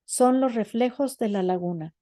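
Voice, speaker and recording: A woman voicing an elderly female seer who talks with urgent, hushed certainty. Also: fairly high pitch, normal speed, no room sound, clean studio sound, close to an everyday voice. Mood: assured.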